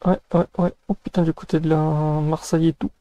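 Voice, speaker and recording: A man's voice: a little high, little pitch movement, fairly quick, mellow, muffled recording. A man giving casual, improvised weather commentary in an informal, slangy way as a news host.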